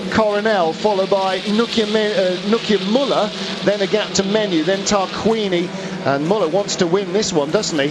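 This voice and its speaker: A man giving live motorsport commentary, calling the race play-by-play with questions and quick self-corrections. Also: sits high. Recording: loud car and trackside noise behind.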